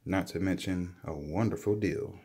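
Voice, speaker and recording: At home by a table, a reptile keeper films a casual handheld show-and-tell vlog on his phone, staying off-screen as he excitedly shows off a new pet and admits he's sweating while handling it. His deep, slightly rough voice sounds admiring and unhurried.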